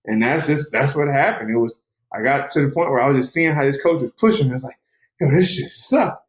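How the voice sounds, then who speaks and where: A man's voice: mid-range voice, echoey room. A man from the United States, a fighter guest in a casual interview, telling his story in an earnest, motivational way. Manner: earnest and motivational, talks in quick runs. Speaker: guest, mixed martial artist.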